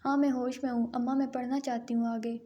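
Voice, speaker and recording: A woman's voice: high voice, flat delivery, dark tone, lightly acted. A woman voicing a stubborn young daughter who pleads tearfully. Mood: pleading.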